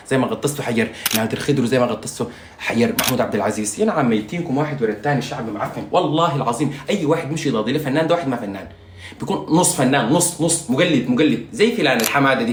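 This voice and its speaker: A man's voice: mid-range voice, reverberant, slight background noise. A man with a Sudanese Arabic accent, a singer ranting casually to his viewers while doing his makeup, rambling and mocking, often asking if they understand. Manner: rambling, mocking, insulting, with frequent "you understand?".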